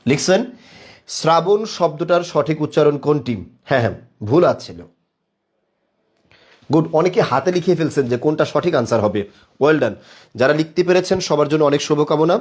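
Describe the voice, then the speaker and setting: A man's voice: a little high, animated, normal speed, pauses often, a little mellow. A young man teaching a live online class, quizzing viewers and praising them again and again. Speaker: online tutor.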